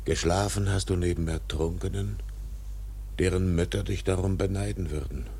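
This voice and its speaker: An actor in a radio drama playing an obsessed, tyrannical older whaling captain, declaiming grandly in a gravelly, husky voice. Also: male voice, sits low, steady tone, normal speed, darkish tone. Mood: brooding, solemn. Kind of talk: literary radio drama acting.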